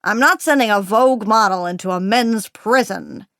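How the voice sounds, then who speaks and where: Female narrator as gruff male editor, cozy mystery audiobook, bossy, emphatic, blunt, dry close sound. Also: mid-range voice, normal speed, fairly bright tone, no echo, lightly acted. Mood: firm, dismissive. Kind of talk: audiobook character dialogue.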